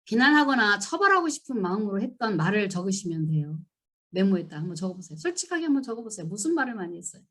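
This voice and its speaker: A woman giving a church seminar lecture, telling stories and acting out scolding lines in an animated way. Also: mid-range voice, fast talker. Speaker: seminar speaker.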